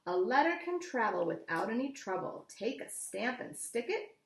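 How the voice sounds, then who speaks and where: This woman's voice sits slightly high with a creaky edge, and the recording sounds roomy. She reads a picture book aloud in a teacherly manner, storytelling with expression and care while explaining things simply for kids.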